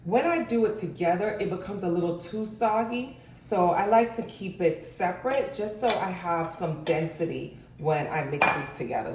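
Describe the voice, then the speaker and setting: In her home kitchen, a cooking channel host chats with viewers, calling them "guys" and explaining each step of a casual cooking demo. Her voice is on the low side. The kitchen echoes, the mic is far away, and the recording is noisy.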